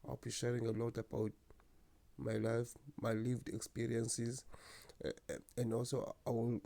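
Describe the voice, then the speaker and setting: A young man from South Africa who stutters speaks in a medium-pitched, mellow, creaky voice with completely flat delivery and a measured pace. He talks earnestly and unhurriedly about himself as host of his own channel. The personal vlog to camera features repeated words and blocks.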